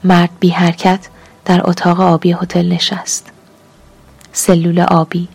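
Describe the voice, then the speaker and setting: A woman reading literary fiction aloud as an audiobook narrator, calm and measured, at times half-whispered. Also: lowish voice, creaky, husky.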